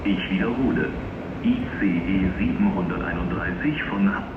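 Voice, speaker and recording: A man giving a flat, formulaic platform announcement as a railway station announcer, heard over loudspeakers. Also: deep voice, moderate pace, music in the background. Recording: echoey PA, distant, muffled, loud station noise.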